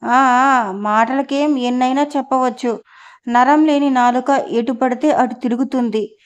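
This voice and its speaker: A woman's voice: high voice, a little slow. A woman reader voicing a furious, proud middle-aged wife who scolds and confronts her husband in an audio novel. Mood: angry.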